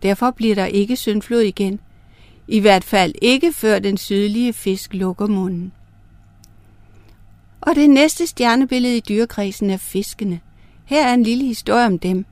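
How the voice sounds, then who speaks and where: A woman narrating star myths and a fairy tale for children, reading in a clear, gentle way. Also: mid-range voice, dry recording. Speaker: storyteller.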